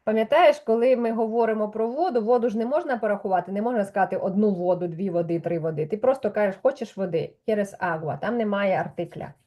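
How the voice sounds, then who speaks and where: A woman's voice: medium pitch, quick pace, few pauses, muffled recording. A woman teaching Spanish in a patient one-on-one lesson, explaining step by step and checking with questions.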